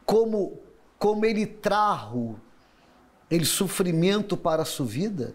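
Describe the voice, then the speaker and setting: A man, a bishop, interviewing a churchgoer, summing up her story slowly and with emphasis. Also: sits high, big pitch swings. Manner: prompting, slow and emphatic summaries.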